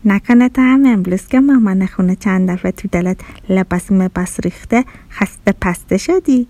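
A woman's voice: mid-range voice, dark tone, no echo, lightly acted. A woman voicing a cheerful, hardworking kitchen stove in a children's story, chatty and playful with words. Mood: reasoning. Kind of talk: storybook character voice.

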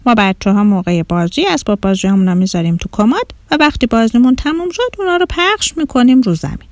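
A woman voicing a cheeky little boy who explains his upside-down island in a loud, matter-of-fact way. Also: high voice, no echo.

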